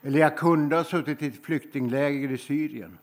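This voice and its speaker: A man from Sweden preaching a sermon, telling stories slowly and reflectively, with emphatic pauses. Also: a little high.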